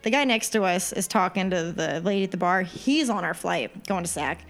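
A woman's voice: fairly low pitch, normal speed, faint music behind. A woman co-hosting a podcast, telling a story in casual chat and acting out the people in it. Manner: animated storyteller who acts out quoted people. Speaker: podcast co-host.

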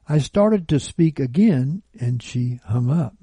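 A man reading a first-person testimony aloud in a measured, earnest way. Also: mid-range voice, lively intonation, mellow, slightly rough, no room sound. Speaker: radio teacher reading a testimony. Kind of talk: read-aloud narration.

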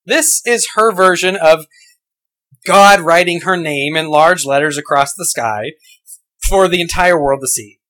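A male podcast host with a somewhat high-pitched voice reads a scripted rebuttal. He is sarcastic and argumentative, and he keeps firing pointed rhetorical questions. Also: a little slow, pushed and bright, rough recording.

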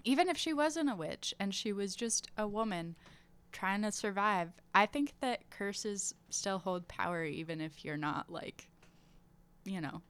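A woman co-hosting a podcast in easygoing casual chat, quick to agree. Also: medium pitch, expressive, a bit bright, smooth. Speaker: podcast co-host.

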